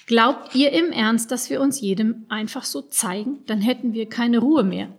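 A woman's voice: a little high, normal speed, slightly rough. A woman putting on a grumpy old forest kobold. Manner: indignant, lecturing. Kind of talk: storybook reading.

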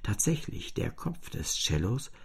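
A man reading a children's story aloud, slow, lively and expressive, sometimes dropping to a whisper. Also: lowish voice, husky.

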